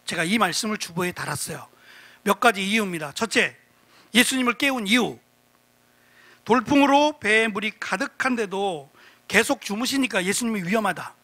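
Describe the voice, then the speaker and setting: A man's voice: high-pitched, normal speed, bright, forceful tone. A middle-aged male pastor preaching an expository sermon, often asking the congregation questions and acting out quoted lines. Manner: asks the congregation questions, acts out quoted speech.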